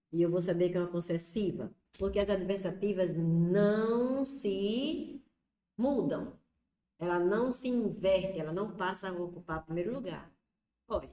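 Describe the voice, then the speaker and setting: A woman's voice: mid-range voice, a little mellow, echoey room. A woman with a Brazilian Portuguese accent teaching an exam prep lesson, explaining step by step and asking and answering her own questions.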